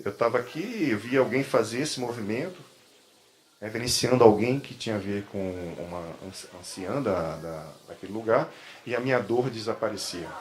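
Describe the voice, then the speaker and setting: This man from Salvador, Bahia, has a Brazilian accent and a lowish, animated voice at normal speed. As a therapist and trainer, he gives an informal explanatory lecture, rephrasing and repeating words as he goes. Clear background room noise can be heard.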